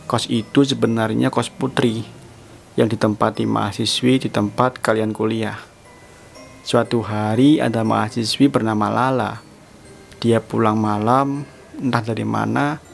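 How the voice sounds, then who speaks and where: A man voicing a middle-aged landlady who calmly and solemnly recounts a sad past event. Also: medium pitch, vocal fry, slight background noise. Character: middle-aged woman boarding-house landlady, calm and solemn. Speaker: landlady telling a sad story.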